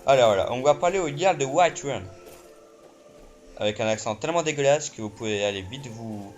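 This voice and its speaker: An excitable man talking through his game session in loose let's play commentary, swearing often and stumbling over fillers. His voice sits in an ordinary middle pitch, with game music running clearly underneath. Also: fairly quick, lo-fi sound. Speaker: gamer.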